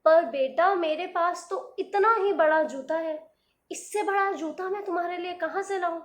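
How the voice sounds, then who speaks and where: A woman voicing a kindly elderly male shoemaker with a gentle, fatherly manner, in a storybook reading. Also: very high-pitched, moderate pace. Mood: regretful. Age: older.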